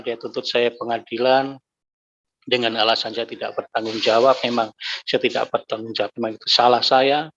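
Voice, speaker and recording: A man telling his personal faith testimony, emotional, his voice climbing high when he recalls anger and grief. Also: vocal fry, fairly bright tone. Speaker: guest giving a testimony. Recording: dull lo-fi recording.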